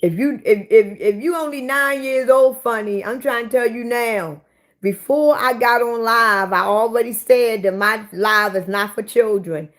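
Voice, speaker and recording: A woman's voice: fairly high pitch, measured pace. A woman in her forties chatting live with her viewers, bluntly and profanely talking back to commenters. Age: 40s. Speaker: livestream host. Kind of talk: casual livestream chat with viewers.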